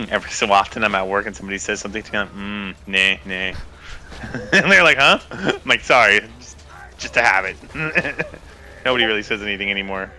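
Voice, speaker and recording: Man, low voice, bright tone, casual podcast chat, rambling, laughs a lot. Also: lively intonation, fast, a little hiss or hum. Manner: laid-back, rambling, laughs often. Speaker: podcast co-host.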